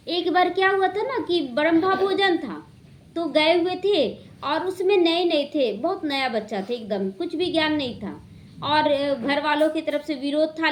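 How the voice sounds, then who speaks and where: High-voiced woman giving a devotional talk. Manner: earnest storytelling, quoting others in softer voice. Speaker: spiritual speaker. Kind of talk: devotional talk with personal story.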